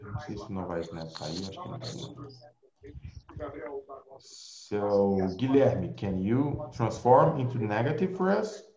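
A man from Brazil teaching English in an online class, switching between Portuguese and English and slowing down for example sentences. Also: on the low side, a crowd in the background. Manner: lively, drills words for repetition, slows down for examples. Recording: echoey, dull lo-fi audio.

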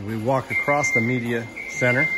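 Recorded on his own handheld phone indoors, a man giving an impromptu walking tour as school superintendent explains things matter-of-factly along the way. His medium pitch stays fairly even at normal speed. Loud construction noise dominates the background.

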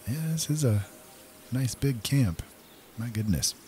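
A man does casual let's play commentary as a gaming host, thinking aloud while he plays over game music and outdoor nature sounds. His mid-range voice is animated and warm at a measured pace, with a little hiss or hum.

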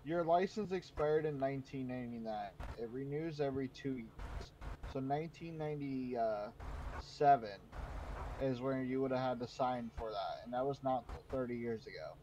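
A man's voice: mid-range voice, normal speed, mellow, low-quality recording. Lecturing male officer, faint background noise. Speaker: role-playing a police officer. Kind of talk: improvised online game role-play.

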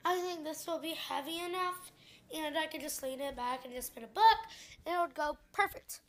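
A woman's voice: sits high, fairly bright tone, a little hiss or hum. A young girl in a casual food vlog at home, chatty and giggly, often saying sorry, talking into a camera mic. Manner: chatty and giggly, quick to apologize. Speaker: vlogger. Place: home, indoors.

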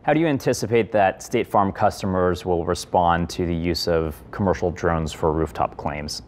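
A young man hosting a business interview, calmly asking short prepared questions into a lapel mic on a studio set. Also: low voice, moderate pace. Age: young adult. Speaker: interviewer, company CEO.

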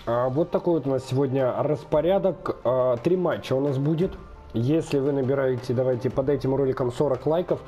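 A young man hosting a gaming channel plays a football management game and chats casually, thinking aloud with lots of fillers. He has a dark-toned, mid-range voice that sounds a little off because he's slightly unwell.

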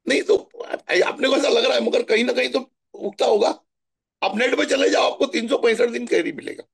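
A middle-aged man from Maharashtra telling stories in a chatty, animated way during a spiritual talk. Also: very high-pitched, normal speed, vocal fry, husky. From Maharashtra, India. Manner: chatty, animated storytelling with asides. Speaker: spiritual guest answering questions.

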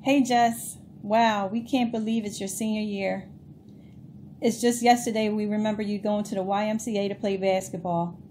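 A woman records a proud, steady message of support on behalf of her family. Her voice is mellow and soft-edged, with faint room noise behind it. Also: medium pitch, normal speed. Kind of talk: heartfelt recorded video message.

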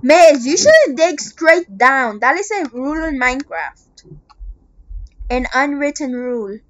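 A gamer giving casual let's-play commentary, excitedly calling out to teammates. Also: high-pitched, measured pace, dull audio. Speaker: gamer playing with friends.

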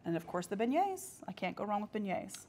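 A woman's voice: mid-range voice, sing-song, brisk, mellow, slight background noise. A young woman co-hosting a restaurant show, chatting with bubbly enthusiasm and frequent laughs. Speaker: food show co-host. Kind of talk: casual food-show chat.

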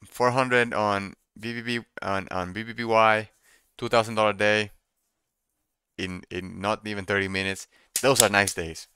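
A young man doing casual live trading commentary, thinking out loud and repeating his phrases as he muses. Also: fairly low pitch, steady tone, measured pace, clean tone, dry recording. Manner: repeats phrases while musing to himself. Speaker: day trader streaming live. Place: small room indoors at a computer desk.

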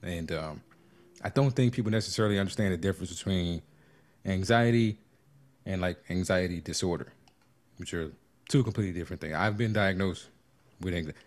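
A man's voice: low voice, fairly quick, pauses often. A man co-hosting a podcast who is out of breath, speaking openly and with self-deprecating humor. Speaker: podcast co-host leading a health segment. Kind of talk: casual chat.

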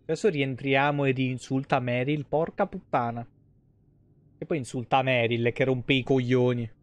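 Medium in pitch and moderate in pace, this young adult game streamer's voice has no echo as he commentates casually and crudely. He reacts with animation to the game and his chat from his small home room.

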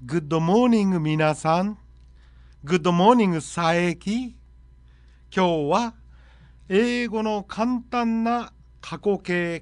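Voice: medium pitch, no room sound. A radio host running a comic segment, punning and jumping between voices.

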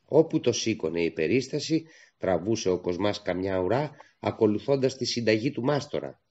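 A man narrating a literary audiobook in a steady, measured storytelling manner, on a dull lo-fi recording. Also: fairly low pitch.

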